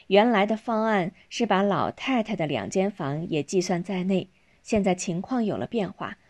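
A woman narrating an audiobook serial in an even storytelling delivery. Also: medium pitch.

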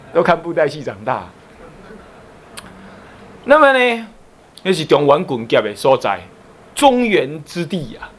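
A man speaks with a Taiwanese Mandarin accent in a fairly high, fairly bright voice, with a faint hiss or hum in the recording. He is a Buddhist abbot delivering a lively lecture to a class, quizzing his listeners and teasing them in playful asides.

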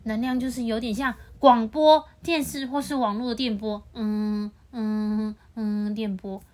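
A woman with a fairly high voice reads a picture book aloud to a child. She explains patiently and keeps stopping to ask the listening child questions. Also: steady tone, unhurried, darkish tone. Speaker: storyteller reading to a child.

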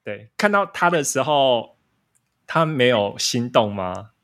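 A man's voice: medium pitch, sing-song, takes it slowly, fairly bright tone. A man, a podcast guest reflecting in casual chat, often restarting his phrases.

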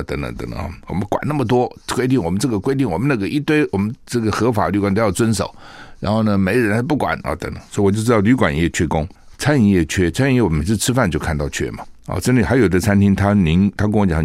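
A man's voice: fairly low pitch, animated, fast talker, a little mellow, dry recording. A man hosting a radio talk show, giving a chatty opinion monologue full of rhetorical asides and tag questions in a studio.

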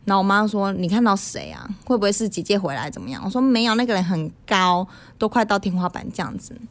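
A woman's voice: mid-range voice, fast. A woman in her thirties from Taiwan, co-hosting a casual podcast and telling childhood ghost stories, acting out quoted voices. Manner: animated storyteller acting out quoted voices, laughs often. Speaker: podcast co-host.

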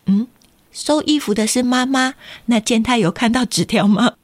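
A woman reading a picture book aloud to children, lively and playful, asking them questions. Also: on the high side, moderate pace, no room sound. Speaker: storyteller for children.

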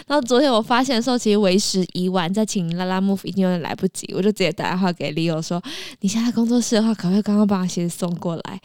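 A woman's voice: medium pitch, fast talker, hardly any pauses, a little mellow, smooth, dry recording, clean studio sound. A woman co-hosts a casual podcast. She tells chatty stories, giggles and acts out what people said. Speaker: podcast co-host and bus conductor.

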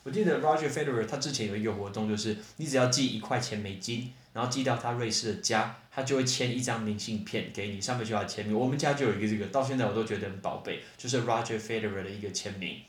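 A man hosting a casual English vocabulary lesson, chatty and animated, spelling words out letter by letter. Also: on the low side, quick pace, few pauses, roomy sound. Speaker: English teacher podcast host.

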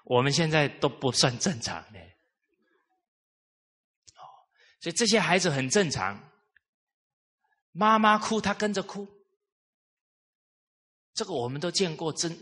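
A man giving a live lecture on traditional culture, telling lively stories and putting rhetorical questions to the audience. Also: a little high, husky.

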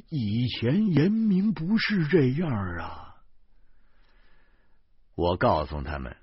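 A man reading a novel aloud, telling the story in a lively way, in a dull lo-fi recording. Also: lowish voice, slightly rough, no echo. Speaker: audiobook narrator. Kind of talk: scripted narration.

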